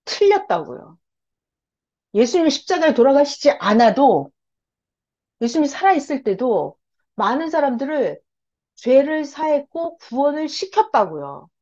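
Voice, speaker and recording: A woman's voice: high-pitched, very animated, normal speed, pauses often, darkish tone. A woman giving a Bible lecture in sermon style, firing rhetorical questions and answering them herself with emphatic repetition. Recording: dull lo-fi recording.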